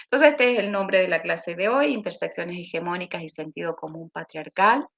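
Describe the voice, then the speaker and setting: A woman with an Argentine accent, a university lecturer leading an online seminar, explaining steadily with thinking pauses. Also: on the low side, vocal fry, a bit bright. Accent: Argentine Spanish. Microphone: video call. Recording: dull lo-fi video call audio.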